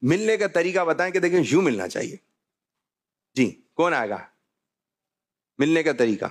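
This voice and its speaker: A man's voice: a little high, lively intonation. A man hosting a religious talk show, jovial, often repeating his key phrases. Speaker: host.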